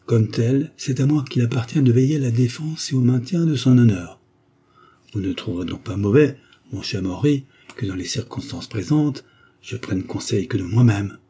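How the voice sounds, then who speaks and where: A man's voice: medium pitch, normal speed, warm tone, slightly rough, pitched above the performer's own voice. A man reading the lines of a proud, impulsive young French duke in an audiobook, in an indignant, dignified voice.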